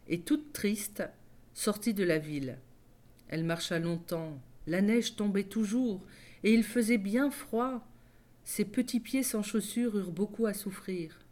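Woman reading a fairy tale aloud. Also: medium pitch. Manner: measured, expressive reading. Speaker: reader. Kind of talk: storybook narration. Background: faint music.

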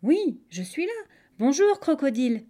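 A woman voicing a clever, quick-thinking male monkey in a storybook reading. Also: high-pitched, sing-song, dark tone, pitched above the performer's own voice. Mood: trusting. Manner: breezy, casual, mocking.

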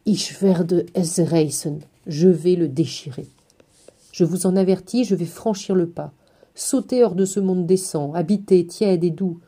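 A woman reading a literary memoir aloud in a measured way, phrase by phrase with pauses. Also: on the low side, mellow. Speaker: reader.

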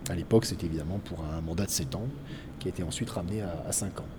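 A man's voice: low-pitched, rapid-fire, noisy background. A man giving an informal, explanatory account of history as a narrator.

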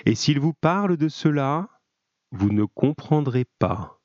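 Guy doing a slow steady doctor giving orders, calm, kinda lively pitch. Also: dry recording. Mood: calm commanding. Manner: slow, measured, commanding. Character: calm, commanding middle-aged male doctor, a hypnotist. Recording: dull lo-fi, dry.

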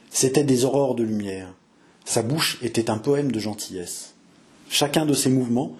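A man narrating a classic novel as an audiobook, measured and expressive, lingering on phrases. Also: medium pitch.

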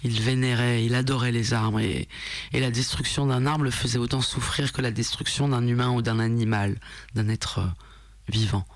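A man talks in a relaxed discussion, pausing and restarting as he gathers his thoughts. His voice has a gravelly edge, and the recording is dry and close, with a middle pitch. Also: no room sound. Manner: hesitant, thoughtful, with fillers. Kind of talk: casual discussion.

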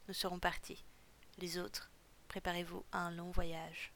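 A woman voicing a cold, cruel male captor chief in a storybook reading, speaking with quiet menace. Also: lowish voice, monotone, a little slow, a little hiss or hum.

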